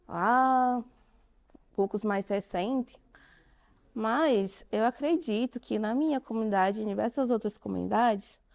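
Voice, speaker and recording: Questioning her audience and using emphatic pauses, a Brazilian Portuguese-accented woman delivers an interactive conference talk. Her voice is mid-range and dark in tone.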